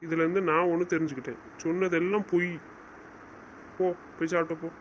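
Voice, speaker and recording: A man acts out an audio drama with a stern, commanding tone, scolding at a fast clip. His voice sits high for a man. The recording is dull and lo-fi. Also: fairly even intonation, a little hiss or hum. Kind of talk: casual audio drama acting.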